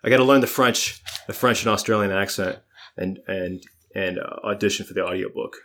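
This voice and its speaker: A man's voice: on the low side, brisk, a bit bright, slight background noise. A man co-hosting a casual podcast, thinking aloud in a rambling, self-correcting way and laughing often. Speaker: podcast co-host. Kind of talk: casual brainstorming chat.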